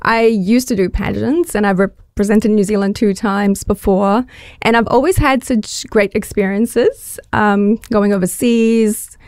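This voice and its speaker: Smooth-voiced woman in her forties. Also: mid-range voice, fairly even intonation, measured pace, darkish tone, no room sound, clean studio sound. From Bulgaria. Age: 40s. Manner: upbeat, earnest, with many fillers. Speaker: magazine editor, pageant finalist. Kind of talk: radio interview guest.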